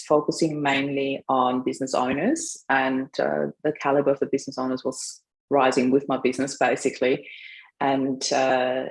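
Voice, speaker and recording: A woman's voice: very deep voice, a little mellow, rough recording. A middle-aged woman from Austria, a guest telling her life story in a casual interview, chatty and laughing often, with frequent fillers. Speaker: podcast guest; mindset coach.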